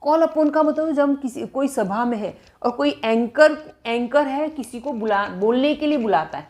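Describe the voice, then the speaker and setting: A woman's voice: high-pitched, a little slow, darkish tone. A woman teaching English phrasal verbs, repeating and dictating example sentences as she explains.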